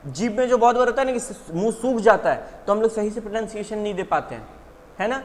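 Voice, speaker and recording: A man with a high voice runs an exam revision lecture, firing questions at his students and answering them himself. His speech trails off into a long, reverberant tail. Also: lively intonation, fast, slight background noise. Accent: Indian English words. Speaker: teacher.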